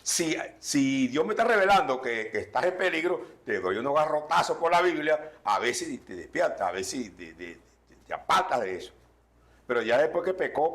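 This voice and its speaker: Man, pastor, sermon, emphatic warnings, quiet asides. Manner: emphatic, swings between loud warnings and low asides.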